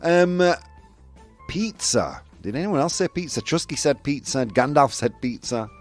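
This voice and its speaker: A British show host runs a casual livestream game in an unhurried, mid-range voice, chatting away and reading viewers' answers aloud in an animated way. Faint music plays in the background.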